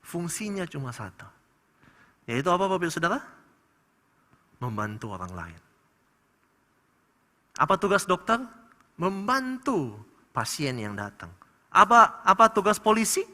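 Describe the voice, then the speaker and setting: Bright-voiced Manado man preaching. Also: sits high, unhurried, pauses often. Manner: animated, acts out parent and child dialogues. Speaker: pastor. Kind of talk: sermon. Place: large church hall. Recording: long church hall reverb.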